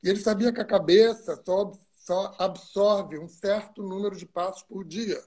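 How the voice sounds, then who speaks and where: A man's voice: sits high, steady tone, moderate pace, darkish tone. A man from Brazil, a guest stage actor in a video-call interview, recalls his work at length with asides and digressions. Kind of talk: reflective interview storytelling.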